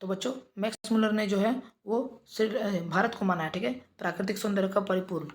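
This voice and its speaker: A man teaching an exam revision lesson, briskly reading out quiz options and coaxing his pupils along. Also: high-pitched, slight background noise.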